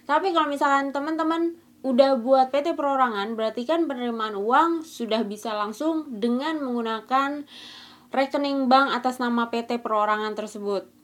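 A woman's voice: high-pitched, moderate pace. A woman teaching an online business course in a chatty, slangy, teasing way. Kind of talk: casual educational talk.

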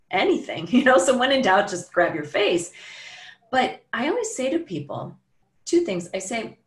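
A woman speaking as a podcast guest, animated and expressive, switching into playful voices for the people she quotes. Her voice sits at an ordinary middle pitch. It sounds roomy, with a noticeable echo around it. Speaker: guest, healing practitioner. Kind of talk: podcast interview, explaining.

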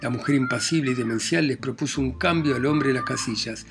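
A man reading a novel aloud as narrator, in a plain, measured telling that lifts his pitch and volume when voicing characters. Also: over music. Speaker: audiobook narrator.

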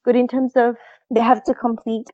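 A woman's voice: a little high, level tone, normal speed, no echo, narrow, tinny audio. A woman co-hosting a casual chat, talking enthusiastically about a show she recommends. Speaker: podcast co-host.

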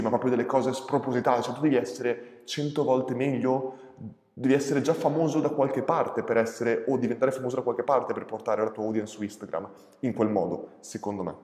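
A man's voice: mid-range voice, darkish tone. A man with an Italian accent answering audience questions in an informal live session, direct, opinionated and emphatic as he gives advice. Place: echoey indoor space. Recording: echoey, reverberant room.

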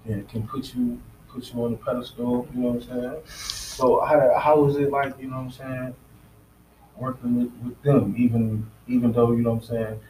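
A man's voice: mid-range voice, little pitch movement, normal speed, mellow. Slangy American male host, distant and echoey. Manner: slangy, profane, filler phrases. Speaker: show host. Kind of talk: casual interview chat. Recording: roomy, distant mic, faint noise.

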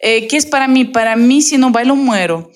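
A young adult woman whose first language is Russian, a podcast guest talking in a lively, reflective way and laughing often. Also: fairly high pitch, moderate pace. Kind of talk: casual podcast conversation.

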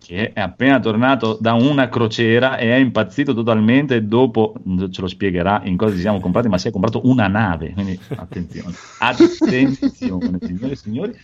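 A man's voice: lowish voice, a little fast, few pauses, muffled recording. A man hosting a podcast in casual banter, announcing with mock grandeur and swearing freely. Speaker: podcast host.

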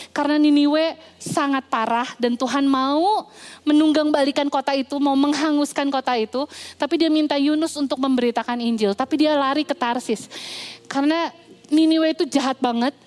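A young adult woman pastor delivers a sermon in a lively, playful storytelling manner. Her voice sits high for a woman, and her delivery stays animated throughout.

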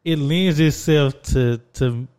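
A man's voice: a little high, slow, darkish tone, clean tone. An American man co-hosting a podcast, chatting casually in a slangy, conversational way. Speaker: podcast co-host. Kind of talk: casual chat.

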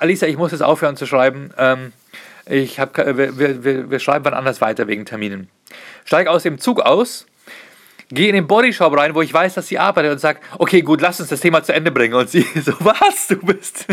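Comedian guy telling a story, animated, swears a lot, mid pitch voice. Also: vocal fry. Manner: animated, swears casually, jumps into quoted dialogue. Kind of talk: casual comic anecdote.

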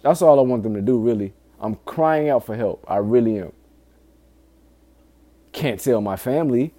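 A man with a low-set, dark, mellow voice records a candid solo podcast. His talk is informal and full of swearing, with an earnest, pleading urgency as he warns his listeners. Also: moderate pace. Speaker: podcast host.

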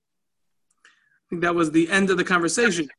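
A man's voice: high voice, level tone, normal speed, fairly bright tone. A man teaching a casual Talmud class, telling stories and explaining the text in a loose, conversational way with Yiddish and Hebrew terms mixed in.

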